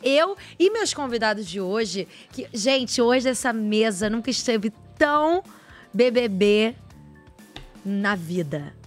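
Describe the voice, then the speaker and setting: A woman hosting a casual talk show, sounding chatty and playful. Her voice sits a little high, and she banters easily while steering the conversation. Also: big pitch swings, measured pace, hardly any pauses, soft background music. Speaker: host.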